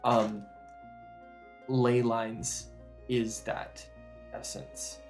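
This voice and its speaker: A man's voice: medium pitch, level tone, very slow, soft background music. A man narrating a tabletop game as game master, rambling with many fillers.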